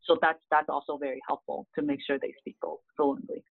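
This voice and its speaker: Gravelly and husky, this middle-aged woman's low voice shows little pitch movement and runs a little fast, recorded dry over tinny phone audio. The earnest guest, a real estate agent from Hong Kong with Cantonese as her first language, gives casual interview answers, saying "you know" a lot.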